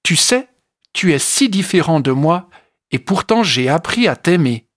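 A storyteller voicing a cheerful, eager young male marmot who calls out brightly in a dry close recording. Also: mid-range voice, big pitch swings, a little slow, no room sound.

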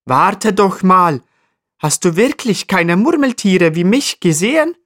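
A man voicing a small, eager and cheerful male marmot in a storybook, speaking high and calling out brightly. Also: very animated, moderate pace, husky, no room sound, clean studio sound.

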